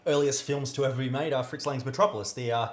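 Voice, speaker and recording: A man co-hosting a casual podcast, asking quick questions and cracking jokes. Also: mid-range voice, steady tone. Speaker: podcast co-host. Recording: roomy echo.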